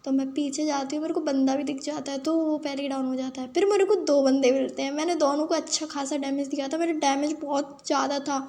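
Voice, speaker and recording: A woman with a hoarse, worn-out throat giving playful, self-mocking casual commentary over her game stream. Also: sits high, steady tone, quick pace, hardly any pauses, dark tone.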